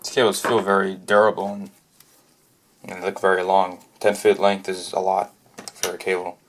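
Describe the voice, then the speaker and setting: A man's voice: low voice, level tone, slight background noise. A man narrating an unscripted product review off the cuff, often stopping to restart and correct himself mid-sentence. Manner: halting, frequent restarts and self-corrections.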